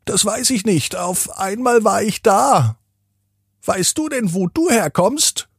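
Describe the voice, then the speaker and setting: A friendly talking garden scarecrow from a bedtime storybook, calm and helpful, as a man puts it on. The voice sits far above a normal male register and swings in a sing-song way. It has a gravelly, husky edge. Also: high-pitched, slow, no echo, clean studio sound, voice pushed up, full character voice.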